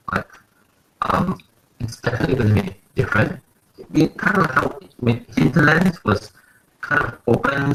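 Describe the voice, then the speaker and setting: A gravelly, fairly low-pitched man joins over an online call that keeps breaking up with static. He is from Malaysia and talks as a panelist in casual discussion. He is thoughtful and hesitant, and a faint hiss sits under his voice. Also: low-quality recording. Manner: thoughtful and hesitant, with fillers and hedging. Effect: breaking-up, staticky online call connection. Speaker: panelist on a fan call-in hangout.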